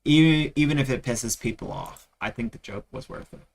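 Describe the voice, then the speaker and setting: A man's voice: mid-range voice, fairly quick. Man from Texas, live-stream host, casual chat, rambling, talkative. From Texas, USA. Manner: rambling, chatty, side comments between anecdotes. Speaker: livestream host.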